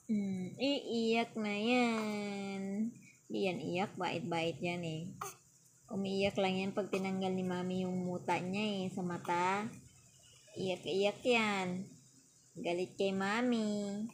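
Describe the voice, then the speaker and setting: Cooing mother, slow and gentle. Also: flat delivery. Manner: cooing, playful, often high sing-song baby voice. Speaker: mother filming her baby. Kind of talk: casual baby talk.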